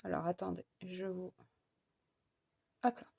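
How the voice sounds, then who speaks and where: A woman's voice: lowish voice, fairly even intonation, measured pace, vocal fry, mellow, breathy edge, lo-fi sound. A young woman chatting casually while coloring at her desk, hesitant and full of fillers and restarts. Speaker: vlogger. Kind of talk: casual coloring vlog chat.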